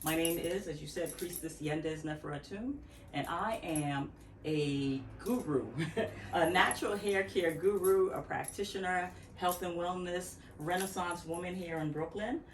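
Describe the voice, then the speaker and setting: A woman in her fifties from Barbados talks reflectively at her home, drifting through restarts and asides. Her voice sits low, and she is recorded from a distance in an echoey room with faint background noise. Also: a little slow. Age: 50s. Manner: reflective, rambling with restarts and laughs. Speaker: interview guest, natural hair care practitioner. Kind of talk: casual interview talk. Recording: echoey room, far from the mic.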